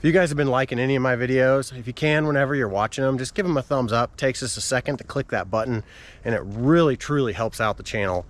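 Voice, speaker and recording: A man's voice: mid-range voice, fast, faint music behind. Man vlogging casually while walking outdoors. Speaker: running vlogger and channel host. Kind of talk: casual vlog talk to camera. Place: outdoors on a walk.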